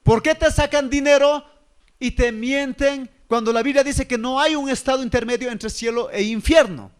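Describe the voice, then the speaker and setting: A man's voice: very high-pitched, normal speed, clear, resonant tone. A man, preaching a sermon and firing rhetorical questions at his listeners. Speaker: pastor.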